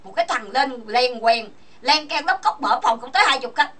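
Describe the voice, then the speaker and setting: Woman, angry voice-chat rant, high and bright, slightly distant from the mic. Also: lively intonation, moderate pace. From Vietnam. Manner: angry, accusing, insulting, asks listeners for agreement. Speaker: online chat room host.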